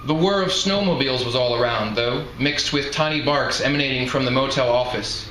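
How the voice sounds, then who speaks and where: At an indoor live reading before an audience, a man narrates like an author presenting his own work. His mid-range voice is pushed and bright and a little fast, and the venue sounds roomy and echoing with some noise.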